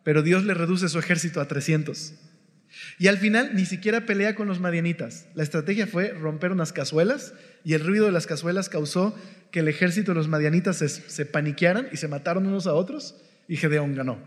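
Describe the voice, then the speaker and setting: A slightly higher-voiced man teaches a devotional Bible lesson in a relaxed, conversational way. He keeps checking in with his listeners as he explains. His voice carries a long hall reverb. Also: a little fast.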